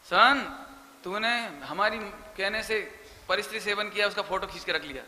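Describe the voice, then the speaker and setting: A man putting on a menacing smuggler, bearing down on his victim in a high, sharp, forceful voice. He sounds emphatic and threatening. The words ring with a long echo in a hall, over faint noise. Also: normal speed. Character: menacing male smuggler blackmailing a partner.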